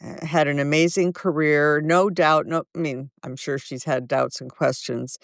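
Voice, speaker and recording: Here the same kind of speaker, a woman in her seventies appearing as a guest author, recounts stories slowly and warmly with a thoughtful, reflective air. Her low voice holds a steady tone, captured in a dry, clean studio recording.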